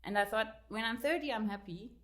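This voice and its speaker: A guest author in her late thirties with a German accent chats through a casual interview, laughing easily and using lots of fillers. Her voice is a little high, a bit bright, and brisk.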